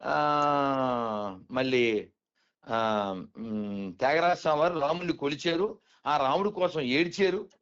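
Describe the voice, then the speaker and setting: A man's voice: medium pitch, takes it slowly, long pauses, a bit bright, clean tone. A man lecturing on spiritual matters, firing rhetorical questions and coaxing his listener along. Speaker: spiritual speaker. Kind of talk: explaining conversation. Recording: dull lo-fi recording.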